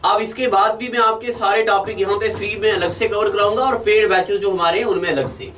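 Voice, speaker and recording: High-voiced male teacher in echoey room. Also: brisk, a bit bright, distant mic, a little hiss or hum. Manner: addresses students as children, asks and repeats answers. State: fasting, low energy. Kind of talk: online exam-prep lecture.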